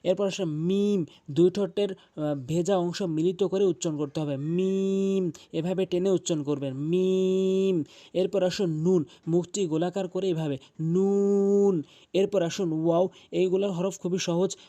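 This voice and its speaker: A man with a Bangladeshi Bengali accent teaching Quran letter pronunciation, drawing out each sound slowly with pauses and repeated demonstrations. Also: high voice, fairly even intonation, warm tone. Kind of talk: step-by-step pronunciation lesson.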